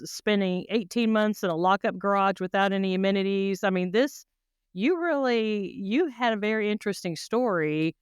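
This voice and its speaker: A woman's voice: medium pitch, smooth, no room sound, studio quality. A woman hosting a podcast interview, effusive and asking long run-on questions. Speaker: podcast host.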